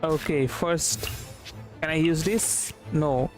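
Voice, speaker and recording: Game music plays behind an Indian livestreamer offering casual stream commentary. His fairly high voice is slow as he muses aloud and hesitantly repeats himself.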